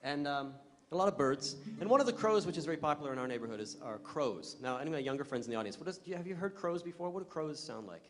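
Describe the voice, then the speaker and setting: A man's voice: fairly high pitch, very animated, quick pace, slight background noise. A man, a singer-songwriter, chatting and joking with a live audience between songs, drawing in the children in the crowd. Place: performance hall with an audience. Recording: long hall reverb with guitar music. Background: guitar.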